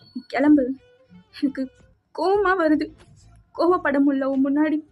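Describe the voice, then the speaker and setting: A woman voicing a hurt young wife who loudly and defiantly sends her husband away. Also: high voice, close to an everyday voice. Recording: slightly dull with faint music.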